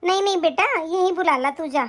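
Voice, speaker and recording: A soft-spoken, modest old aunt in a cartoon story, as a woman puts her on. She talks affectionately and humbly, in a very high voice. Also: a little fast. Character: elderly aunt, humble and gentle. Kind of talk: animated story voice acting.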